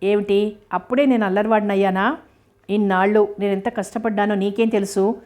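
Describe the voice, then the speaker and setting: A woman voicing a playful, affectionate young man who teases the heroine, reading in a flat, level tone. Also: medium pitch, fairly quick, natural voice. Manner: playful, teasing.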